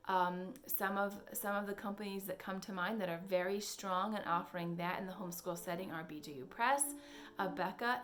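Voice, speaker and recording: Young woman, homeschool blogger, earnest and hedging, mid-pitched voice, casual recommendation talk. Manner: earnest, hedging, with frequent ums and restarts.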